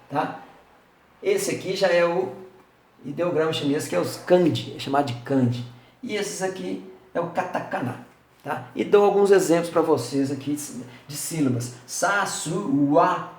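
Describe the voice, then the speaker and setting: Older Brazilian man, informal language presenter, raised pitch, chatty with lots of tag questions, roomy echoey sound. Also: a little mellow. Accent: Brazilian Portuguese. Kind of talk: informal explanatory lesson. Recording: roomy echo.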